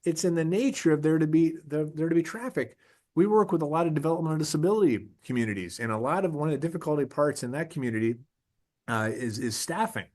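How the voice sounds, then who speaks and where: A man presenting a leadership webinar in a casual, energetic, conversational way, often restarting his sentences. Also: on the high side, fast talker. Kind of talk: casual motivational talk.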